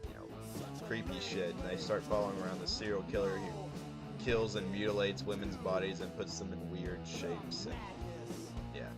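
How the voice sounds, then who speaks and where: A man with a horror DVD collection, talking casually in a raised, loud, profane voice. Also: low-pitched, fairly even intonation, moderate pace, over loud music. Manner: raising his voice, loud and profane. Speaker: horror DVD collector showing his shelf. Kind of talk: casual video blog.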